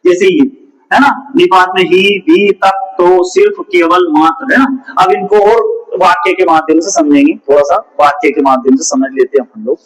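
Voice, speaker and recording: A man's voice: high-pitched, moderate pace, poor audio. A man giving a grammar lesson, repeating points and asking his students rhetorical questions. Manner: repetitive, asks rhetorical questions. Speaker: Hindi teacher. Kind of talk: classroom-style grammar lesson.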